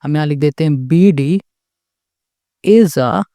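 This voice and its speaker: A patient maths tutor walks through a problem step by step. The voice is warm and mellow. The tutor keeps asking rhetorical questions, checks in after every point, and is recorded dry and close with no room sound. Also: medium pitch, takes it slowly, no echo. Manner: asks the class rhetorical questions and checks in with "okay?" often; patient and repetitive, restating each step.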